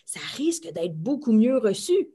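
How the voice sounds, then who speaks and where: A middle-aged woman with a Québécois French accent, co-hosting a podcast as a pediatric dietitian, talking in an animated, reassuring way and stressing her key words. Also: on the high side, moderate pace, breathy edge. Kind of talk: casual podcast chat.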